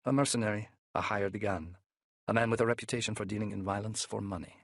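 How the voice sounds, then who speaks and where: A man voicing a cold, menacing crime boss who speaks softly with a Russian accent. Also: fairly low pitch, fairly even intonation, fast, no echo, studio quality. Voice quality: soft-spoken.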